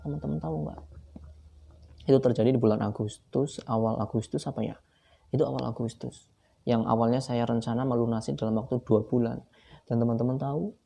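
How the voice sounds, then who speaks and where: A man's voice: medium pitch, vocal fry, dark tone, breathy edge. A man telling a personal story to his viewers, earnest and devout, talking to them directly as friends. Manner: devout, with frequent religious exclamations. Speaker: vlogger sharing a personal story. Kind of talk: emotional personal testimony.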